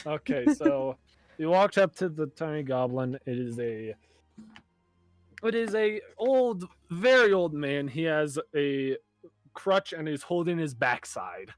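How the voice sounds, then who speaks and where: Male game master, slightly high voice, casual tabletop narration over faint music. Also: lively intonation, takes it slowly.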